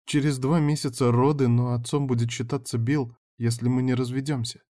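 A man's voice: medium pitch, little pitch movement, fairly quick, dark tone, voice pushed up, close to an everyday voice. A man voicing a distraught, defiant pregnant young woman in an audiobook, with a raised, strained pleading voice. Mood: tense. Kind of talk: audiobook character voice.

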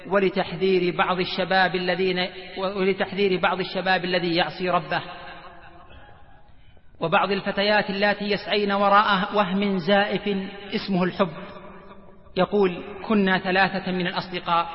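Man, sermon, high voice, flat intonation, dramatic earnest retelling, muffled hall recording. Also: a little fast. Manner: earnest, dramatic storytelling with repeated phrases. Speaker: preacher. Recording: echoey, dull lo-fi hall recording.

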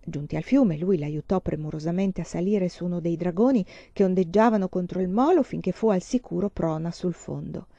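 A woman reading a novel aloud in a calm and measured way. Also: fairly low pitch, creaky, no room sound. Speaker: audiobook reader. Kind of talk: literary audiobook narration. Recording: dull lo-fi, dry.

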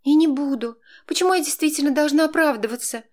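A man voicing a nervous, quarrelsome young mother who pleads and shouts at her husband in an audiobook. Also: moderate pace. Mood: shouting. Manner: pleading, then shrill and shouting.

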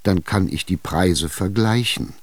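A fretful old widow , as a male reader puts her on, drags out her words in a low, hesitant whine. She sounds stubborn and easily frightened, and the dry, close recording of this radio play keeps every sigh near. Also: no room sound. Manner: slow, hesitant, whining. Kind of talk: radio drama reading.

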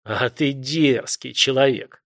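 A man's voice: mid-range voice, a bit bright. A man voicing a stern old warrior god. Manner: slow, weighty, scornful pronouncements. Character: gruff ancient male warrior god, stern and proud.

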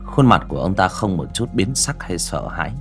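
A man's voice: low-pitched, very animated, fairly quick, over music. A man narrating an audiobook, addressing listeners directly in a conversational way.

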